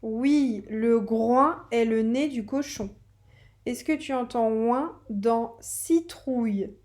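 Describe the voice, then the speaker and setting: Woman teacher, children's reading lesson, slow and patient delivery, mellow warm tone. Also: a little high.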